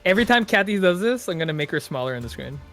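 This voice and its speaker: A teasing, excitable man chatting as a streamer while they read a game together. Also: high-pitched, rapid-fire, over loud music. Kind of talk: casual chat while reading a game together.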